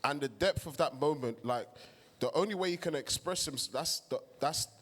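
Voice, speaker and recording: A man's voice: a little high, big-room sound. A man in a heated but casual discussion who speaks passionately and calls the others bro. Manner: passionate, talks fast and says bro. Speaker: panel member.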